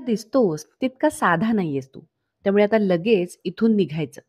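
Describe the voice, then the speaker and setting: A woman's voice: medium pitch, animated, normal speed, a little mellow, husky, dry recording, studio quality. A woman voicing a domineering wealthy mother, reading her orders in a cold, commanding tone while recapping a TV serial. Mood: contemptuous.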